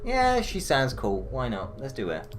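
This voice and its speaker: A man's voice: mid-range voice, huge pitch swings, a little slow, slight background noise. A man giving rambling, profane, joking commentary as he plays a game. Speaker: let's play host. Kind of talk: gameplay commentary.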